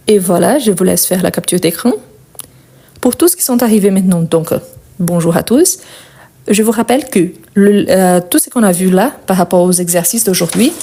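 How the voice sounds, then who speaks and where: A woman's voice: medium pitch, mellow. A woman teaching a live French grammar lesson, explaining patiently and repeating key words.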